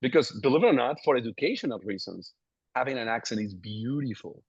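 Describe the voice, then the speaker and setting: A man's voice: mid-range voice, lively intonation, fairly quick, husky, no room sound. Man lecturing. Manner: chatty, jokes about his accent. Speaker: pediatric dentist giving a webinar. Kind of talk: lecture over slides. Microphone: video call. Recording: dull, dry webinar audio.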